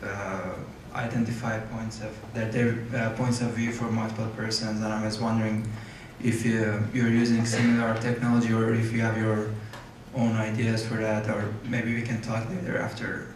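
A man in the audience asking a hesitant question from the floor of a lecture hall. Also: on the low side. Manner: hesitant, many fillers. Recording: echoey hall, far from the mic, noisy.

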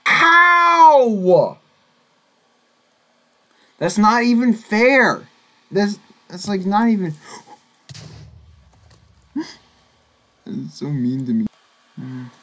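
A young man giving casual, rambling gameplay commentary, full of fillers and sudden excited outbursts. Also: high voice, very slow, long pauses. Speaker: gaming channel host. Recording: faint music behind.

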